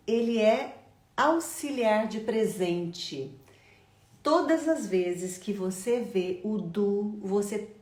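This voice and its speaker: A middle-aged woman teaching an online English lesson, repeating phrases slowly for her students. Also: mid-range voice, darkish tone. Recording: echoey room.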